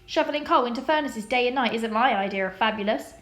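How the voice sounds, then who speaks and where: A woman voicing a blunt, sharp-tongued female passenger who speaks with a scornful snort. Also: sits high, expressive, brisk, reverberant.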